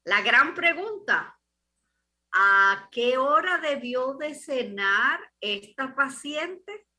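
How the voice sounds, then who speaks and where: A woman hosting an interview and asking a doctor measured, drawn-out questions. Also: high-pitched, lively intonation, bright, forceful tone. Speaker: interviewer host.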